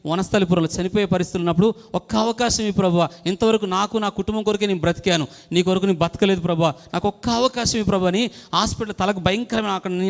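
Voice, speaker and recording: A man's voice: high voice, long reverb tail. A middle-aged male pastor giving a fervent testimony sermon, with many restarts. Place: church hall.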